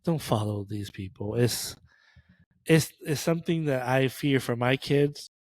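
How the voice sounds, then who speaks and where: A man's voice: medium pitch, animated, unhurried, a little mellow, no echo. A man from Thailand co-hosting a casual faith podcast, talking in an emphatic, joking way. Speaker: podcast co-host.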